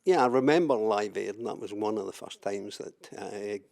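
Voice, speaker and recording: A man's voice: lowish voice, moderate pace, creaky, darkish tone. An older Scottish man from southwest Scotland, recalling his life in an oral history interview, hesitant with many fillers and repeated words. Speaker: interviewee, trade unionist.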